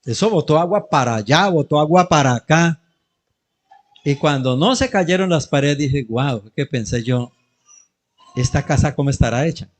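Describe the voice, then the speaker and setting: A man's voice: fairly high pitch, lively intonation, normal speed. A middle-aged man with a Colombian Spanish accent, preaching a sermon in church, telling anecdotes and joking with the congregation. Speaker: pastor.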